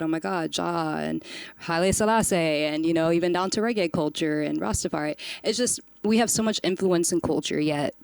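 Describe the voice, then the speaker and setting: A woman with a low, gravelly voice speaks earnestly and with emphasis. The recording is dry and close. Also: no room sound. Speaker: guest, cultural producer. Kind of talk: casual conversation.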